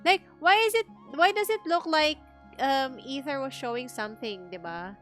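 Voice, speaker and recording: Bright, high-voiced woman streamer. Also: normal speed. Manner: excitable, gasping reactions. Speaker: streamer playing a game. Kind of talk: live gameplay reaction and reading aloud. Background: game music.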